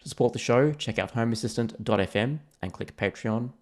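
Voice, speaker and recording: Chatty podcast host. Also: male voice, medium pitch, fairly quick. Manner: friendly, chatty, reads sponsor lines. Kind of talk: casual podcast hosting.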